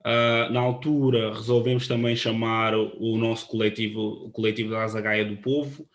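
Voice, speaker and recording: Earnest man a flat delivery. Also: on the low side. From Guinea-Bissau. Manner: earnest, halting, with many fillers. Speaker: panel speaker, photographer. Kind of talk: online panel presentation.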